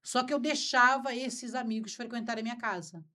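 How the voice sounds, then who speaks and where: A Brazilian woman with a slightly high, pushed, bright voice hosts a conversational interview podcast, talking fairly quickly. Her manner is frank and informal, with a Brazilian Portuguese accent.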